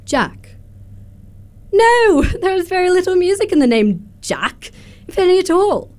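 In a radio comedy, a woman plays a self-assured, romantic young Victorian lady, gushing in an affected, emphatic way. Her full character voice is extremely high and sing-song, unhurried and a little mellow.

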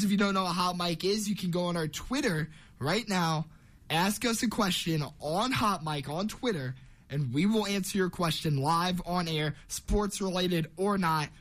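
A man's voice: high voice, fairly bright tone. A young man hosting a college sports radio show in a casual, chatty way. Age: young adult.

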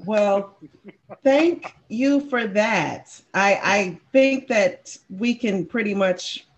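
A man from the US East Coast hosting a casual podcast chat, playful and animated, laughing often. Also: high voice, drawn-out words, dull audio. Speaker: podcast host.

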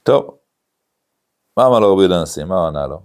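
A man, a rabbi, giving an animated Talmud study lecture, acting out quotes and using many filler sounds. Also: low voice. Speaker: rabbi teaching a class.

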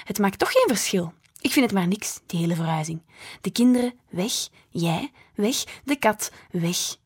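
A woman's voice: mid-range voice, sing-song, normal speed, breathy edge. A woman voicing a sour, grumbling older grandmother who complains and exaggerates, in a storybook reading.

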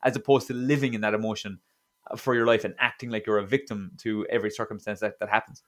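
A man's voice: fairly low pitch, fairly even intonation, fast. An Irish man, a coach, chatting on a podcast in an earnest, reflective way with frequent restarts. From Ireland. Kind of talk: casual podcast chat.

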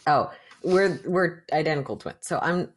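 A woman voicing a young male changeling cleric who speaks in a dry, self-mocking, measured way. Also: low-pitched. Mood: wry.

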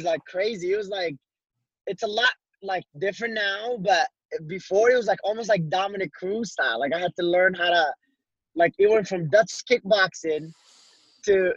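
A young man from Morocco answers interview questions in a loose, halting way, with lots of "like"s. His voice sits a bit high and sounds dull and dry, like a muffled recording. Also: a bit bright, no room sound. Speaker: guest fighter. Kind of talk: casual interview.

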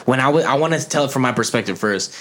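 A man's voice: mid-range voice, lively intonation, fast talker, fairly bright tone. Rowdy joking man hosting a chat. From Arizona. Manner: swearing, joking, talking over others. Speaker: podcast host. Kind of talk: casual chat among friends.

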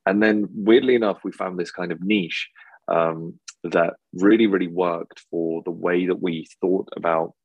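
Unhurried and steady in tone, a low-pitched male voice with a breathy edge comes through with phone-quality sound and no echo. He's a hospitality tech founder from the Czech Republic, speaking with an English accent in an interview. His answers ramble, packed with "basically" and "you know".

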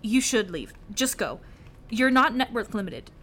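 Tired tech support agent, halting, lots of ums, faint typing behind. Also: female voice, fairly high pitch, very animated, a bit bright, slight background noise. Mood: hesitant. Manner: halting, hesitant, many fillers. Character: weary female tech-support agent, conflicted.

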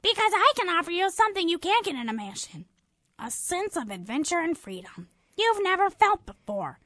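A tiny, pushy house fly with a shrill, very high voice that swoops all over the place, as a woman puts it on. It pleads eagerly and sounds bright and sharp. The recording is dry and close, with no room sound. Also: big pitch swings, normal speed, dry recording, heavily acted. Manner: squeaky, pleading, rising to shouts.

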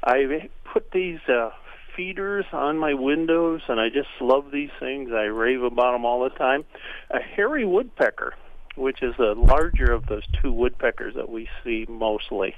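A man's voice: medium pitch, animated, a little slow, a little hiss or hum. A man chatting on a radio show as a regular guest, telling folksy, joking stories about birds. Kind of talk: casual radio chat. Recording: phone-like line.

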